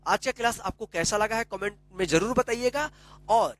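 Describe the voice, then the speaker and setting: A man's voice: high-pitched, moderate pace, a bit bright. A man teaching a phonics lesson, spelling words out letter by letter and asking and answering his own questions. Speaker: English teacher.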